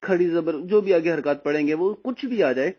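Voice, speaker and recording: Patient male Quran teacher, lo-fi recording. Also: fairly high pitch. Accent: Pakistani Urdu. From Pakistan. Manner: slow, drawn-out recitation of letter sounds between explanations; patient, repeats "theek hai" often. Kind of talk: recorded lesson on braille Quran reading. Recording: dull lo-fi recording.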